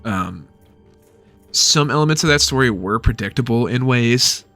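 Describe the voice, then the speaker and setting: A man's voice: medium pitch, animated, unhurried, sharp tone, faint music behind. A man in his thirties giving a loose, rambling book review at home, swearing freely.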